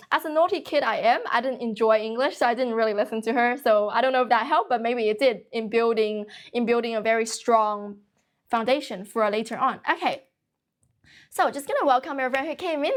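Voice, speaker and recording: A young woman from China, whose first language is Chinese, chatting briskly on a livestream from an office and answering viewers' questions about learning English. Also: on the high side, fairly bright tone. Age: young adult. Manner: brisk, chatty, refuses to slow down.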